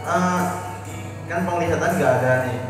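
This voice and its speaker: A man in his twenties, talking reflectively in a casual chat with halting pauses. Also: on the high side. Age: 20s. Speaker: guest. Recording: echoey room from far off with music.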